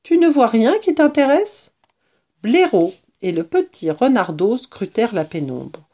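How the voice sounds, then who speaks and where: Woman narrator for a children's storybook, lively pitch, unhurried.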